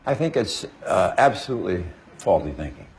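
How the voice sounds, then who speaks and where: A man's voice: sits low, very animated, brisk, a little hiss or hum. A male doctor answering interview questions emphatically, listing items one after another.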